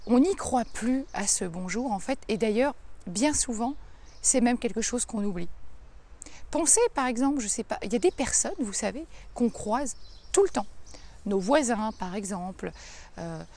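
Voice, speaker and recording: An emphatic woman coach delivering a short daily motivational talk. Her voice sits a little high, and she adds playful asides as she urges her viewers on. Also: animated, normal speed, dark tone. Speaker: coach and speaker.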